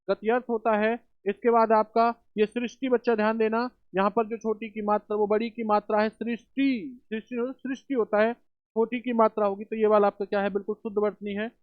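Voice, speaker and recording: A man's voice: sits high, little pitch movement, fairly quick, no room sound. Hindi teacher quizzing his class. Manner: rhetorical questions, answers them himself; addresses students as children and brothers. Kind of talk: exam-prep spelling lesson. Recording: dull dry home recording.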